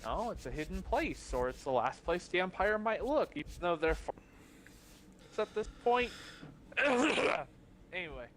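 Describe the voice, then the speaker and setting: Excitable higher-voiced podcast co-host man. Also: slight background noise. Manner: quick, excitable, stumbling restarts. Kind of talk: casual chat.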